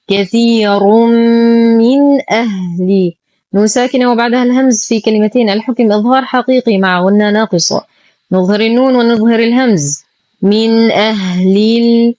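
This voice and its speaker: A woman teaching Quran recitation, who alternates brisk rule explanations with very slow, carefully drawn-out model readings. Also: fairly high pitch, a little mellow, no echo.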